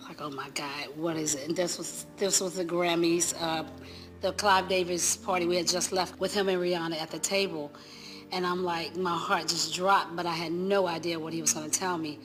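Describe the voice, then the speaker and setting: Interviewee: middle-aged mother, lowish voice, emotional and quick, with faint music under her. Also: fairly even intonation. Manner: emotional, rushed, retelling events. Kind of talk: documentary interview.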